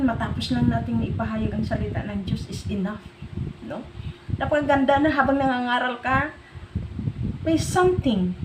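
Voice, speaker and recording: A woman's voice: high-pitched, roomy sound, slight background noise. A woman pastor giving an earnest sermon, mixing in English phrases.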